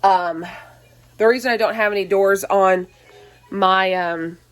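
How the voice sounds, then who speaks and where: A young woman in her twenties chats to her viewers from inside a small, busy home. Her talk is loose and rambling, full of "um"s and restarts, and she is slightly short of breath. Her pitch sits in a plain, middle range. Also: fairly even intonation, a little slow, soft background music. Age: 20s. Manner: rambling, many fillers and restarts. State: out of breath, allergies. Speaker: mom vlogger. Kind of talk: casual chatty vlog. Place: small cluttered home, indoors.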